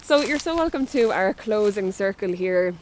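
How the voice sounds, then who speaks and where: A woman's voice: medium pitch, lively intonation, moderate pace, darkish tone. A woman speaking outdoors as a nature guide, explaining things reflectively. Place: outdoors in a forest. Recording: faint outdoor ambient noise.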